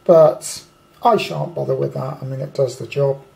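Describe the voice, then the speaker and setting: A British man reviews a kit as an amateur radio hobbyist, speaking casually and off the cuff at a tabletop indoors. His voice is gravelly and warm, medium in pitch, steady, and moderately paced, and his delivery is rambling, blunt, and colloquial.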